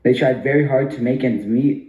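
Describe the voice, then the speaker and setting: A man's voice: mid-range voice, a little fast, mellow. A man narrating a comic story for an amateur puppet show. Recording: muffled, echoey room.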